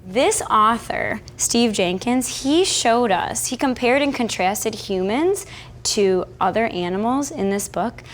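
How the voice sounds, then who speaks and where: Speaking slowly with a higher-than-average voice and lively intonation, this kindergarten teacher walks through her lessons and a picture book in an interactive read-aloud. She is instructional, repeating and elaborating on answers, and there is slight background noise.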